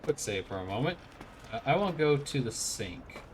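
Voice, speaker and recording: Casual male gamer over clear background noise. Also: medium pitch, sing-song, normal speed. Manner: offhand, playful, muttering to himself. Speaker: gaming video host. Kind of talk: casual let's play commentary with playful read-out of dialogue.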